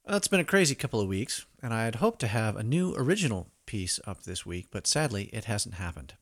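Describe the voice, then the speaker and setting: A man's voice: lowish voice, big pitch swings, fairly quick, a bit bright. A man in his thirties hosting his own podcast, giving a scripted introduction with wry, dry humor. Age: 30s. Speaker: podcast host.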